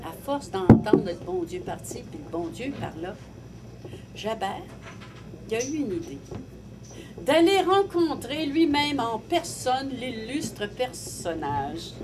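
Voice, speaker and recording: A woman with a Quebec French accent telling a folk tale to a live audience, measured, letting her voice sink low for effect. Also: sing-song, heavy background noise. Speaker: storyteller.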